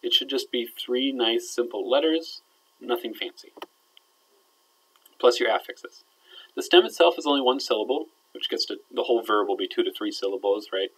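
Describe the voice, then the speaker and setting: A man's voice: medium pitch, normal speed, slightly rough, low-quality recording. A man explaining verb grammar to his students in a recorded lecture, checking in with them often and letting his voice drop at the ends of phrases. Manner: explanatory, checks in with "all right?", trails off quietly at ends of phrases. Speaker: Arabic teacher.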